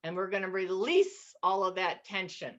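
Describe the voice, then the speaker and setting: A woman's voice: medium pitch, moderate pace, muffled recording. A woman in her sixties leading an online laughter yoga class. She is playful and cheery, and she laughs and cheers often.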